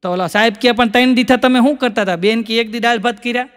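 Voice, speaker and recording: Gujarati comic guy telling jokes, really high voice, long hall echo behind him. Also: steady tone, fast, fairly bright tone, clean tone. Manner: acts out both sides of each joke, often repeating lines for effect. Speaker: stand-up comic. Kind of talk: folksy comic storytelling.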